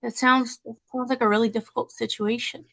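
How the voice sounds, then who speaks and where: A woman as a counselor, calmly reflecting back what the client says. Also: on the high side, brisk, creaky, no echo. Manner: calm, reflective, paraphrasing the client. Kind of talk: counseling session.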